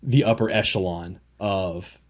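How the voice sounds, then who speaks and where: A man co-hosting a podcast in a basement studio, telling stories in a lively, self-mocking way. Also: low-pitched, unhurried. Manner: animated storyteller, self-mocking. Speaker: podcast co-host. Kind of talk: casual podcast chat.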